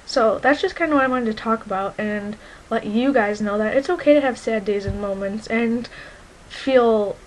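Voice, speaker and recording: A woman's voice: on the high side, moderate pace, a little hiss or hum, poor audio. A twenty-one-year-old woman talking candidly to her viewers in a personal vlog, reflective and earnest, with many fillers. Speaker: vlogger.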